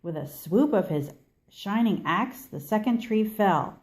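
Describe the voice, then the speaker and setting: A woman reading a children's story aloud expressively, with measured delivery and dramatic pauses. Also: medium pitch, lively intonation, a little mellow. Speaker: storybook reader.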